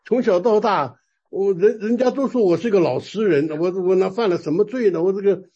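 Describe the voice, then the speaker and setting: A man's voice: high voice, brisk, husky, lo-fi sound. A man preaching a sermon in Mandarin, telling a personal testimony with laughter and repeated words. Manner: animated storytelling, laughs often, repeats words.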